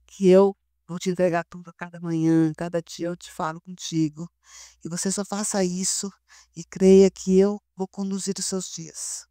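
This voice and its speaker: A woman voicing a gentle, solemn divine male voice, speaking slowly, sweetly and firmly. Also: on the low side, level tone, dry recording, clean studio sound, lightly acted. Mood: tender, solemn. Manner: slow, sweet and firm.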